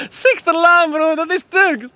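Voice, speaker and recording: A man's voice: very high-pitched, bright, forceful tone. A young man hosting a casual street interview outdoors on a handheld mic, prodding people and repeating his words. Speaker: street interviewer and quiz host. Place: outdoors in parks and town squares. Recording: outdoor street recording, faint traffic noise.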